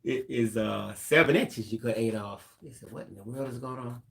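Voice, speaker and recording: A man with a mid-pitched voice co-hosts a live stream. He reads viewer comments aloud in a relaxed way and adds joking asides. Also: normal speed, gravelly. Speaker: co-host reading viewer comments. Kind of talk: live stream co-host chat.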